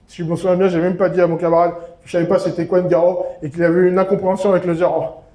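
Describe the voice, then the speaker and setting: Young french guy doing stand-up, high-ish mellow voice, roomy club echo. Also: flat delivery, very fast. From Seine-et-Marne, France. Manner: self-mocking storytelling. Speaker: stand-up comedian. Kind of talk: stand-up comedy. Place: comedy club stage.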